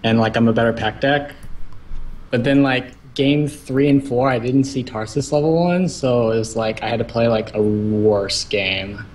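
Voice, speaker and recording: A man's voice: medium pitch, normal speed, darkish tone. Hesitant young male card-game player. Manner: hesitant, fillers, modest. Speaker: tournament winner guest. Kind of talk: casual interview.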